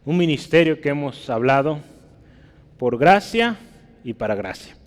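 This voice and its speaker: A man's voice: big pitch swings, unhurried. A man with a Mexican Spanish accent preaching a sermon, who reads scripture aloud in a raised voice and keeps asking his listeners to agree. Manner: reads scripture aloud, often asks "¿verdad?"; rises sharply in pitch and volume when reading verses. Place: church hall. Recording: long hall reverb.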